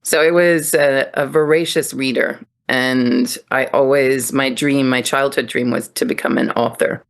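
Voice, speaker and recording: A woman's voice: very deep voice, fairly even intonation, measured pace, creaky. Thoughtful woman guest on a podcast. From Europe (Netherlands, France, Germany). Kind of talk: casual interview answers.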